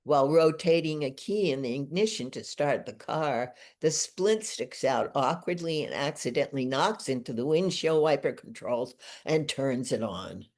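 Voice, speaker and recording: A woman, the featured poet, reading her own poetry aloud in a measured, deliberate way. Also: very deep voice, expressive, a little mellow. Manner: slow, deliberate, measured delivery.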